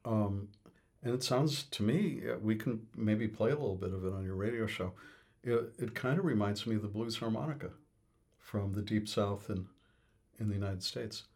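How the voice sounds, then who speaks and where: A man's voice: on the low side, normal speed, darkish tone. A man explaining music thoughtfully in conversation, hesitant with many fillers and restarts. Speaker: interviewee on music.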